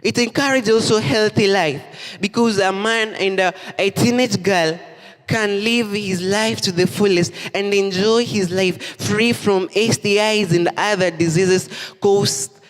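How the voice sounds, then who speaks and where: A man's voice: high-pitched, fairly even intonation, unhurried. A Kenyan teenage boy giving an emphatic, rhetorical debate speech as a student debater. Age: late teens. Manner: emphatic, rhetorical, urges the audience to imagine. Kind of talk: formal competitive debate speech. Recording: reverberant school hall.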